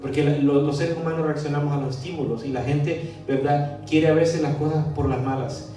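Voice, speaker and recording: A man preaches a sermon from a pulpit, his fairly high voice rising with emphasis and sinking low for personal stories. He sounds set back from the mic in a very echoey church hall. Faint music plays in the background. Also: fairly even intonation, brisk, dark tone, distant mic. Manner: preaching with rising emphasis, then dropping to a low confiding tone for anecdotes. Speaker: pastor.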